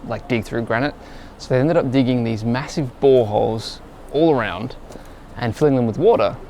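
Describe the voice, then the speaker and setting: A man's voice: mid-range voice, darkish tone, slight background noise. A young man chatting casually in a travel vlog, explaining as he goes and filling with "like", recorded outdoors on a tour. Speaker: travel vlogger.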